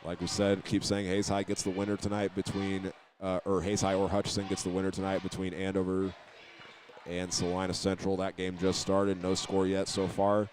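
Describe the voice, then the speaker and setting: Speaking at a moderate pace with no inflection at all, a man with a low, slightly mellow voice gives running commentary on a high school basketball game. His descriptions are short and plain. The recording was made live in the gym and carries background noise.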